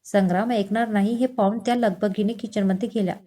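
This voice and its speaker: A woman's voice: mid-range voice, steady tone, warm tone. A woman reading a romantic story aloud, narrating and voicing every character's dialogue in her own voice. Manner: reads all characters' dialogue in her own voice, slowing for quotes.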